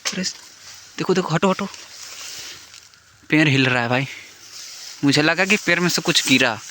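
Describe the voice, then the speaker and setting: Filming a night ghost hunt in an abandoned hut, a man calls out nervously and pleads with an unseen spirit. His voice is on the high side, unhurried and bright with a forceful tone, over slight background noise.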